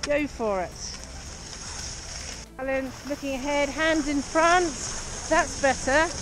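A woman's voice: sits high, slow pace. A cheery, encouraging woman coaching a beginner as a ski instructor, calling out instructions and explaining to the camera. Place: outdoors on a busy ski slope. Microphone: action camera held or worn. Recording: noisy outdoor action-camera sound.

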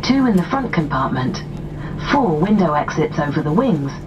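A woman formally reads a scripted flight safety demo announcement in a measured manner. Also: low voice, sing-song, muffled recording. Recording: distant cabin speaker, loud aircraft noise. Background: loud aircraft cabin noise.

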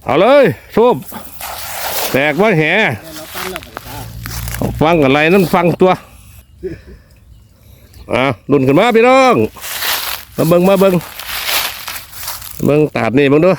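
A man with a high voice and a northeastern Thai Isan accent hosts an outdoor vlog. He calls out short, repeated exclamations as a running commentary. There is faint open-air noise behind him. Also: expressive, takes it slowly, pauses often. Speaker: vlog host. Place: outdoors in the countryside.

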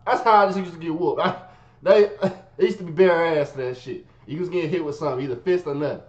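Animated man in a roomy bedroom. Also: quick pace. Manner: animated, swings from low mutters to high yelps; profane slangy street talk. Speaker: vlogger telling a story. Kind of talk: casual storytime. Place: his bedroom. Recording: roomy, dull lo-fi sound.

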